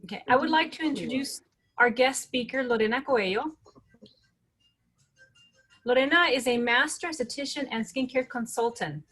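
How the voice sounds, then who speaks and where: Higher-voiced woman rolling her Rs. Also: fairly quick, a bit bright, soft background music, poor audio. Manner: rolls her Rs. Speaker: workshop participant, skincare consultant. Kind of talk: rehearsed speaker introduction. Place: video call.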